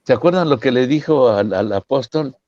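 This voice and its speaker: Mid-pitched man, animated, asks "right?" often, muffled recording. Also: normal speed, no echo. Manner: lively, lots of rhetorical "¿no?" and "¿verdad?". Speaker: church member commenting. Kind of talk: religious discussion, storytelling.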